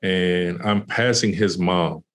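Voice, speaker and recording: Deep-voiced coach telling a story. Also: male voice, slow. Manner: casual, many fillers and restarts; animated when retelling conversations. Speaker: college basketball associate head coach. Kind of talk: podcast interview storytelling.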